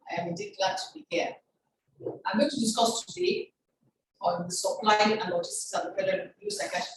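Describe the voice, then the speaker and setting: An older woman giving a formal, measured presentation as a guest speaker, heard over a conference call. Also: on the low side. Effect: conference call audio. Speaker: guest speaker, chief pharmacist. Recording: echoey, distant online conference call with background noise.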